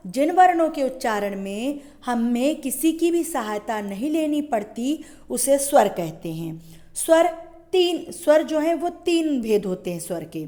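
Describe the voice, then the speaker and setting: A woman's voice: sits high, a little mellow. A woman schoolteacher giving a Hindi grammar lesson, asking questions and answering them herself, drawing out example sounds. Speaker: school teacher.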